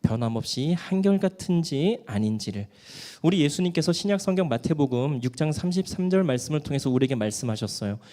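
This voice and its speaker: A man's voice: a little high, expressive, fairly quick, warm tone. A man preaching a sermon in church, asking his congregation questions, answering them himself and briefly acting out quoted complainers. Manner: acts out quoted grumblers in short put-on voices. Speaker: pastor. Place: church sanctuary.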